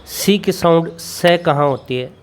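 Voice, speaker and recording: A man's voice: fairly high pitch, measured pace. A man teaching English pronunciation, reading word lists one by one and repeating his questions for the learner. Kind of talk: slow classroom phonics drill.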